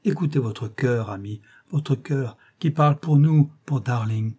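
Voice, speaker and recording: A distraught mother begs for her child's life in a serialized crime story, read by a man. Her pleas climb in pitch and grow loud, over a dark, husky timbre. It is an emotional, imploring voice. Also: a little slow. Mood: pleading. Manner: pleading, emotional, rising high. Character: desperate pleading mother, woman.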